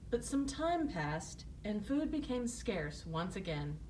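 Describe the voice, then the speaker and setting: Lively woman telling a fairy tale opening. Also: medium pitch, takes it slowly, far from the mic, a little hiss or hum, low-quality recording. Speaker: storyteller. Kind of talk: fairy tale opening, scripted children's storytelling narration.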